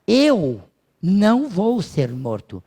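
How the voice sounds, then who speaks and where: A man doing an unshakably serene old philosopher facing death, in a slow, solemn Brazilian-accented voice. The lines are drawn out and gravelly, with a lively lift on the key words. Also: high-pitched, voice pushed up, exaggerated voice. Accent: Brazilian Portuguese. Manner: slow, solemn, measured delivery. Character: calm condemned old philosopher, serene and certain.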